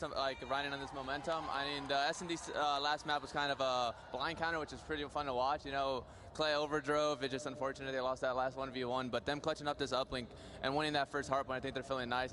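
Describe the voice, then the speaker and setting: A man's voice: medium pitch, flat delivery, fast talker, few pauses, sharp tone, slight background noise. A man answering interview questions loosely, with plenty of fillers. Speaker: interviewed esports player.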